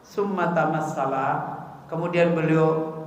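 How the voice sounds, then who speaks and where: Male ustadz, high pitched, storytelling sermon, very echoey mosque recording. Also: unhurried, slight background noise. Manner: lively storytelling, asks the audience questions; mixes in Javanese words and recites Arabic text. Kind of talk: mosque study-circle sermon. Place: mosque hall.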